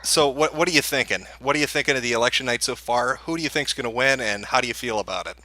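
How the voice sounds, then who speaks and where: Guy streaming election night, bright edgy voice, dry close mic, swears a lot. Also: mid-range voice, fast talker, dry recording. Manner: profane, sarcastic. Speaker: livestream host. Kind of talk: casual live commentary.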